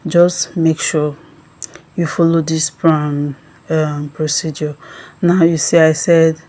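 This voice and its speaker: Tutorial host: woman, deep and even-toned, explains each step with ums. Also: slow. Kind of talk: screen-recorded app tutorial.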